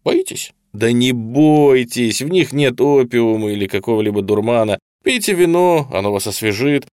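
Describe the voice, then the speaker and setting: A man's voice: mid-range voice, lively intonation, moderate pace, a little mellow, no room sound, studio quality, pitched above the performer's own voice, lightly acted. A man doing a sly, fawning colonel interrogator. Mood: chatty, probing. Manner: smooth, falsely cordial, fawning. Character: sly, ingratiating middle-aged male Soviet colonel interrogator. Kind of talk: audiobook reading.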